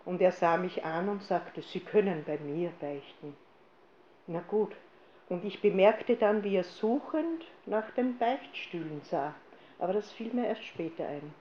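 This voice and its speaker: An Austrian woman stands before an audience and tells her personal faith story with lively animation, playing out her old words as she goes. Her mid-pitched voice rings in a roomy space, and the sound is a little dull, with faint ambience behind it. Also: a little slow, a little hiss or hum. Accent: Austrian German. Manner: lively storyteller who acts out her own past lines. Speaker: speaker giving a testimony.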